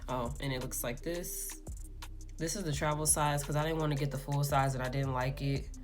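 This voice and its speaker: Casual beauty vlogger, woman, low voice, flat rambling delivery, music underneath. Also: moderate pace. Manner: rambling, filler-heavy, self-described monotone. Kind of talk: casual makeup tutorial talk-through. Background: background music.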